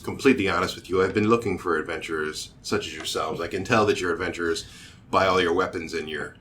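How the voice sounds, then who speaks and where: A man's voice: low voice, fast talker, a bit bright, a little hiss or hum, pitched below the performer's own voice. A man voicing a flowery, formal young man in a tabletop game, speaking effusively. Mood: earnest.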